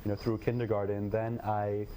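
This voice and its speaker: Low-voiced, dark-toned young man. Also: level tone, slight background noise. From Nepal. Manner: measured, thoughtful, many fillers. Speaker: guest, education tech company head. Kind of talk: interview answers.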